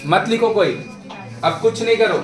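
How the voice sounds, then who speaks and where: High-voiced male teacher quizzing a class. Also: normal speed, soft background music. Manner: quizzes the class constantly, asking for yes or no answers. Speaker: math teacher. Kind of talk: classroom lesson. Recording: echoey classroom taken from far off. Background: students in the room.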